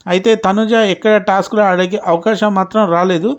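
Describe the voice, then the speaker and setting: A man hosting his own channel, telling a reality-show recap in a steady storytelling way and retelling quarrels as reported speech. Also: high voice, a little fast, highs cut off. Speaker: YouTube channel host.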